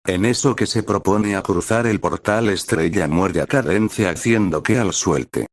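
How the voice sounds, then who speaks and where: A man's voice: low-pitched, a little slow, no room sound, studio quality. A man narrating an amateur fan fiction story in a plain, repetitive reading manner. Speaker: fanfiction reader.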